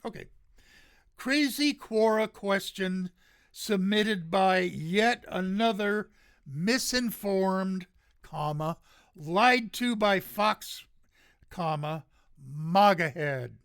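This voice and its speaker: Older radio host, slow and sarcastic, rambling solo commentary. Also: medium pitch, lively intonation, a bit bright, clean tone. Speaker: radio talk show host.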